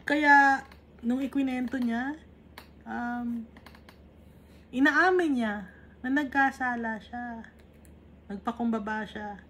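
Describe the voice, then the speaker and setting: Filipino woman with a higher voice teaching Bible study. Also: fairly even intonation, slow, pauses often, fairly bright tone, slight background noise. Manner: reads English verses, then explains them conversationally in Tagalog with tag questions.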